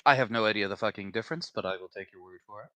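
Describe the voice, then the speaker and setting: A man's voice: fairly low pitch, very fast, sharp tone. A man co-hosting a podcast in casual chat, ranting bluntly and swearing freely. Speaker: podcast co-host.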